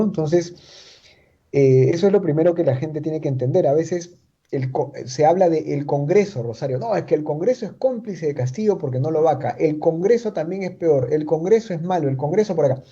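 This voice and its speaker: This man's mellow voice runs on the high side, and the recording loses its highs. He's an analyst from Chiclayo, Peru, speaking Peruvian-accented Spanish while giving political commentary in an interview, driving his points home through repetition and rhetorical questions.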